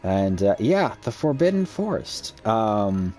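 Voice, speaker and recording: A man's voice: lowish voice, very animated, takes it slowly, darkish tone, faint music behind. A man giving casual let's-play commentary over a game, rambling with many ums and uhs. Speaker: gameplay commentator.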